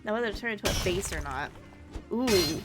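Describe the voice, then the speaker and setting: A woman's voice: medium pitch, expressive, fairly quick, over loud music. A woman live streamer giving casual gaming commentary, chatting and thinking aloud with some mild swearing.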